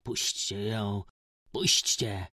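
Man doing bitter young farmhand, rough n hostile, lowish voice. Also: steady tone, very slow, dry recording, studio quality, exaggerated voice. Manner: rough, hostile muttering and shouting.

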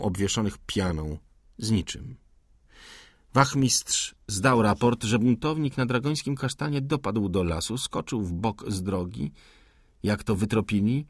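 A man narrating a literary audiobook in a measured, deliberate reading manner. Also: mid-range voice, no echo, clean studio sound.

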